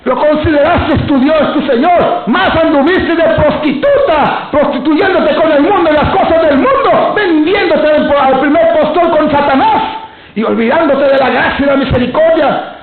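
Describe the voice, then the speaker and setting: Male pastor, fiery sermon, high voice, tinny phone-like sound. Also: normal speed, a little hiss or hum. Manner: impassioned preaching, shouting at times. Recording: echoey room over a tinny phone-like line.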